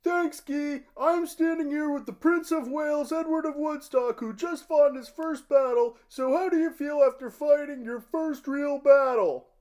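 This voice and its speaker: An earnest male field reporter, played by a man, speaks in a strikingly high voice. He delivers mock television news from a medieval battle, putting questions in formal interview fashion. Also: normal speed, hardly any pauses, darkish tone. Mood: eager, probing.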